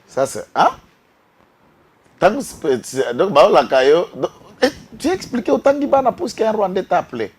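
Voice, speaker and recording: Impassioned man, lively pitch. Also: normal speed, slight background noise. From Congo-Kinshasa. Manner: impassioned, switches between French and Lingala, rises to outbursts. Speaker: political guest. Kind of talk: heated political talk show.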